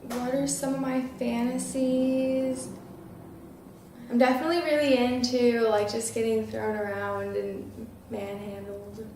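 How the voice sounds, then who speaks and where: A woman's voice: a little high, little pitch movement, measured pace, mellow, recorded from a distance, slight background noise. A nineteen-year-old woman answering interview questions casually, giggling and using lots of "like" fillers. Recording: very echoey room, voice off-mic.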